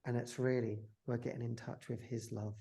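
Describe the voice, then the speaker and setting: A man's voice: medium pitch, flat delivery, moderate pace, creaky, warm tone. A man who is a guest on a podcast, reflecting in a loose, storytelling way. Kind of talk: conversational interview.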